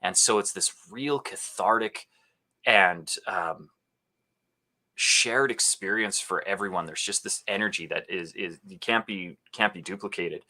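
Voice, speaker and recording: The voice is a low-pitched man's at a measured pace: an actor and speaker from Alberta, Canada, guesting on a podcast. He tells his story animatedly in a laid-back interview, punctuated by laughter and acted-out quotes.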